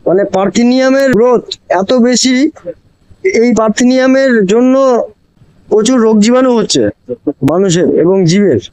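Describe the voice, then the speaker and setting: Mellow, high-voiced man talking inside a helmet. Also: normal speed, pauses often, clear, resonant tone, no room sound. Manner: explanatory, repeats phrases, advising viewers. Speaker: motorcycle vlogger. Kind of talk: casual riding vlog chat addressed to viewers. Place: outdoors on a motorbike, inside a helmet. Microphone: moto vlogging helmet microphone.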